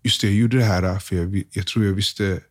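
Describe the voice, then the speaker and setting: A young man, an interview guest, telling a hard personal story in a subdued, halting way, full of slang and quoted dialogue. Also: fairly low pitch, fairly even intonation.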